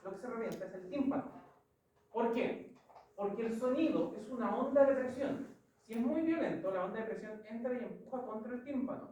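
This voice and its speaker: A woman's voice: on the high side, expressive, a little fast, warm tone, distant mic, a little hiss or hum. A woman with a Chilean accent teaching an anatomy class, explaining step by step and putting questions to the students. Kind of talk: classroom lecture. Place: large classroom. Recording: echoey classroom from afar.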